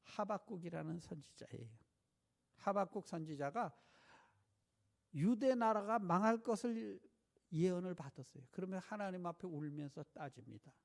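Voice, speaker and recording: A male pastor preaching a sermon, putting rhetorical questions to the congregation in an animated way. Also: sits high, normal speed, gravelly.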